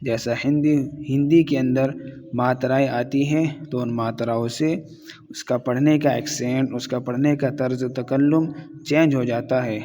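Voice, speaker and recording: A man's voice: medium pitch, fairly even intonation, mellow, highs cut off, slight background noise. A man teaching an Urdu reading lesson, patiently drilling syllables one by one in a methodical way. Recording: long reverb on the voice.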